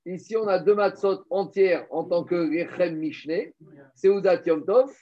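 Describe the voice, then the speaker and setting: A man teaching a Torah lesson in French mixed with Hebrew terms, asking rhetorical questions and explaining step by step. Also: high voice. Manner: lively, rhetorical questions, addresses listeners as Rabotai. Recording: dull lo-fi recording.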